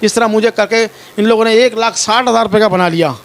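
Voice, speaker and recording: A man from Pakistan, his voice high and brisk, describes his ordeal to a reporter. He pleads in distress and repeats himself often.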